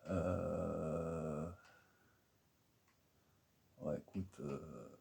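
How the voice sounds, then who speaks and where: A man with a low, mellow, slightly rough voice speaks in a sing-song way, drawing out words with vocal fry. As a video host building a Lego set, he chats casually, rambling and hesitant, full of fillers and self-mocking asides.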